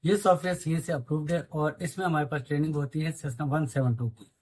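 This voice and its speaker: A man's voice: fairly high pitch, fairly even intonation, a little fast, darkish tone, husky, no echo, poor audio. A man with a Pakistani accent, a flight simulator instructor explaining the cockpit instruments, mixing English aviation terms into his talk.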